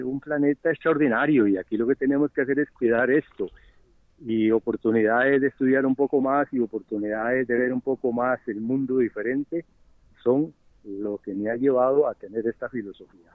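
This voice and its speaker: A man's voice: mid-range voice, normal speed, no echo. A man with a Costa Rican Spanish accent, an organic farmer speaking as an interview guest, earnest and reflective. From Costa Rica. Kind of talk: phone interview. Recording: dry tinny phone line.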